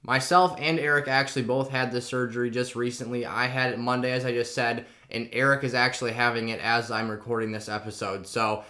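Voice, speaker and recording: Man, bright forceful voice, casual fantasy draft commentary, channel host, swollen sore mouth after wisdom teeth extraction. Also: medium pitch, level tone, fairly quick, hardly any pauses.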